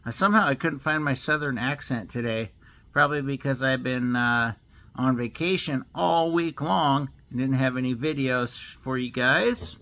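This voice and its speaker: A man in a casual vlog, talking at an ordinary mid pitch. He rambles and stops for fillers, and he is blunt about other creators. His tone stays loose and unpolished. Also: normal speed, bright, forceful tone. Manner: rambling and blunt, with mild profanity. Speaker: HVAC video creator.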